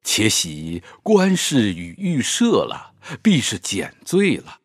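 An actor playing a jovial older village innkeeper who teases in a slow, hearty way. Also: male voice, fairly low pitch, huge pitch swings, slightly rough, dry recording, studio quality, heavily acted. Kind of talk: audio drama acting.

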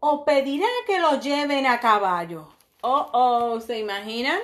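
A woman teacher reads a picture book aloud to small children at a slow, unhurried pace. Her voice sits a little high, and she fills it with exclamations and questions to her young listeners. She speaks softer and more quietly as the story reaches bedtime. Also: expressive. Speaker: preschool teacher reading to children.

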